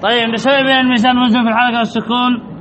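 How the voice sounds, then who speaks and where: A man's voice: very high voice, level tone, rapid-fire, a bit bright, soft background music, low-quality recording. A man teaching word patterns to a class, repeating key points and answering his own questions. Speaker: Arabic grammar teacher.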